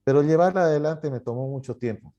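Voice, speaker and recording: A man's voice: a little high, fast, warm tone, dull audio. A man from Bolivia, a publisher and writer answering in an interview, telling his story with many fillers and self-corrections.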